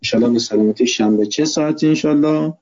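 A man teaching a seminary class, dictating his lecture notes slowly and repeating phrases so students can write them down. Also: a little high, a little mellow, slightly rough. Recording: dull lo-fi recording.

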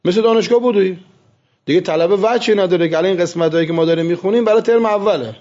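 A man teaching seminary students, lecturing with animated storytelling and soft asides. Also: high voice. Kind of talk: classroom lecture with anecdotes. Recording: muffled lo-fi recording.

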